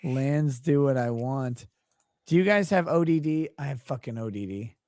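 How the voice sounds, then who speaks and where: A man's voice: mid-range voice, expressive, normal speed, a little mellow, dry recording, clean studio sound. A man hosting a casual livestream, reading chat messages aloud and joking crudely.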